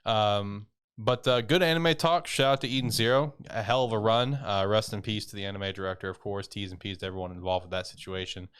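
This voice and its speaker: A man's voice: fairly low pitch, steady tone, a little fast, fairly bright tone, clear, resonant tone, dry recording. A man co-hosting an anime podcast, recapping episodes in a rambling, casual way full of fillers and laughter. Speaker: podcast co-host.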